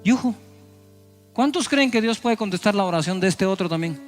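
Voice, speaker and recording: Middle-aged male pastor, high-pitched, theatrical sermon delivery, light music underneath. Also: animated, fairly quick. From Guatemala. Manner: dramatic preaching, acting out people's prayers in raised voices.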